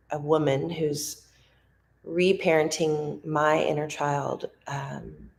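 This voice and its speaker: A woman vlogs from a resort, talking in a rambling, heartfelt way. Her voice sits low with a gravelly edge. She takes her time, drifting from thought to thought. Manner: rambling, heartfelt, searching for words. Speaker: vlogger and mom. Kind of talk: casual reflective vlog talk. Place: at a resort on vacation.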